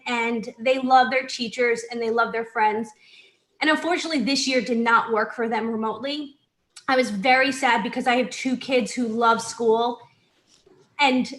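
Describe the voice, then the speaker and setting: A woman's voice: on the high side, a bit bright, reverberant, low-quality recording. A woman giving an earnest, emotional public comment as a parent on a video call.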